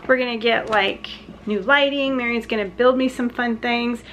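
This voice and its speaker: A woman's voice: on the high side, fairly even intonation, moderate pace, fairly bright tone, a little hiss or hum. A woman in her forties with a Southern American accent, chatting casually and rambling through a home vlog, filmed at arm's length in her living room. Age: 40s. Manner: chatty, rambling with many fillers and restarts. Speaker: home vlogger. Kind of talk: casual chat. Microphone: handheld camera at arm's length.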